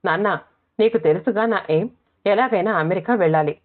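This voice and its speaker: A woman's voice: mid-range voice, fairly quick, close to an everyday voice. A woman narrator voicing a headstrong young woman who has just become a mother, pert and insistent. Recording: tinny phone-like audio.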